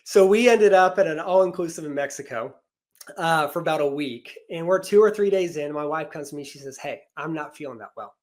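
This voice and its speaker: A man's voice: on the high side, a little fast. A man in his thirties, a podcast guest, earnestly telling an emotional personal story about loss and faith.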